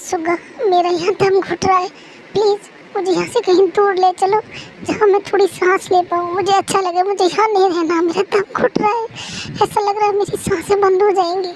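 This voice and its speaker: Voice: very high voice, fairly even intonation, moderate pace, slight background noise, poor audio. Someone voicing a heartbroken young wife in a fan-made audio drama, tearful and pleading with a breaking voice. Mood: panicked.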